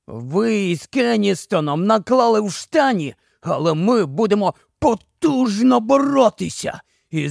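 A man voicing a pompous, cowardly mayor whose voice cracks into falsetto. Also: dry recording, clean studio sound. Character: pompous cowardly male mayor, shrill blusterer.

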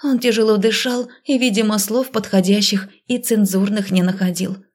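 A woman reading a first-person novel aloud with lively storytelling. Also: mid-range voice, moderate pace. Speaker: audiobook narrator. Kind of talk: first-person audiobook narration.

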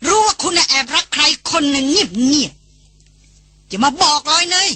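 A woman's voice: high voice, sing-song, a little slow, sharp tone, no room sound, pitched above the performer's own voice, heavily acted. A woman voicing a jealous, hot-tempered young male army officer in an audiobook novel. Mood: angry. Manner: angry outbursts, then pleading.

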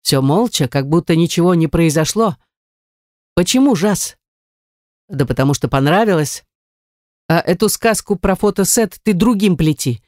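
Audiobook heavy: woman reader doing a snarling jealous young man, lowered voice, mellow and dry. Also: expressive, normal speed, long pauses, dry recording, close to an everyday voice. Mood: menacing. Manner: snarling, sneering. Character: menacing jealous young man, cruel and mocking.

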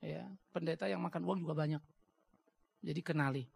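A blunt male pastor answering a question from the congregation in an animated sermon, jumping high when he quotes others. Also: a little fast, creaky, a little hiss or hum.

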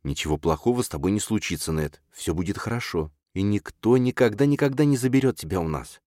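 A man voicing a gentle mother who calms and reassures her young son, in an audiobook read aloud. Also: on the low side, quick pace, no echo, studio quality, pitched above the performer's own voice, close to an everyday voice. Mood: reassuring. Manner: tender and reassuring.

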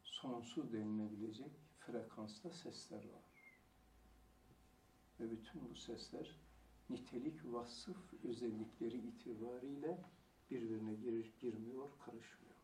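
A man giving a religious lecture, asking rhetorical questions and answering them himself, and stressing single words slowly. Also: mid-range voice, warm tone. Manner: slow, deliberate emphasis on single words. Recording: echoey room, mic far off, faint hiss.

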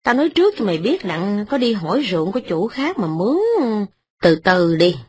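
A woman's voice: medium pitch, sing-song, normal speed, natural voice. A woman voicing a cold, arrogant young landlord speaking curtly. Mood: dismissive. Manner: curt, dismissive.

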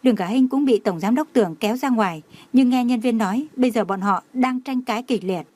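A woman's voice: fairly high pitch, brisk, a little mellow, no echo, natural voice. A woman voicing an anxious young female assistant in an audio novel, urgent and worried.

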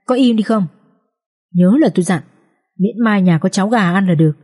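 A woman's voice: mid-range voice, moderate pace, mellow, lightly acted. A woman voicing a crafty, crude village thief husband. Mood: bossy. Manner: brash, bossy, crude banter.

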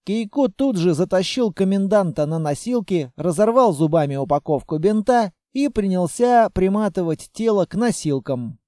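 A man narrating an action novel in steady storytelling and reading every character himself. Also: high voice, moderate pace, hardly any pauses, no echo, studio quality. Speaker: audiobook narrator.

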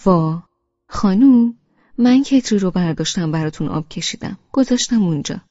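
A woman's voice: medium pitch, expressive, warm tone, dry recording, dull audio, close to an everyday voice. A woman reading an audiobook, voicing a middle-aged mother answering politely but defensively. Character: middle-aged mother, patient and slightly hurt.

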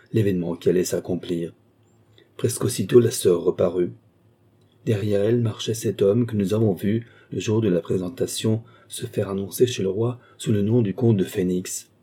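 A man reading a classic novel aloud as an audiobook narrator, measured and expressive. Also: on the low side, slightly rough.

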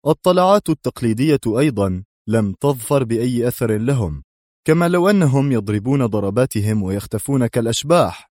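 A man's voice: medium pitch, lively intonation, a little fast, a little mellow, no room sound, studio quality, close to an everyday voice. A man playing a proud, irritable male air force commander who speaks in an indignant, agitated way in an audiobook thriller.

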